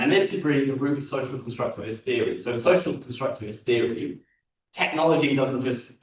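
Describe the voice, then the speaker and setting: A man with a London accent lectures at a design conference, earnest, restarting phrases and filling pauses as he thinks aloud. His voice sits in the middle range and is picked up from some distance, so it sounds thin against the room. A heavy, ringing echo from the large hall surrounds every word. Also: mid-range voice. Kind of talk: conference talk. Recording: very echoey hall from far off.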